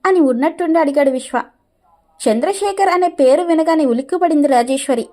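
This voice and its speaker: A woman narrating a cartoon story in an even storybook manner. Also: high-pitched, brisk.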